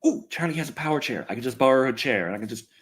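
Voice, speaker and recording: Speaking very fast in a husky, slightly bright mid-range voice with lively intonation, this livestream host rambles through a casual chat. He reads comments and gripes wryly, sounding exasperated and swearing often.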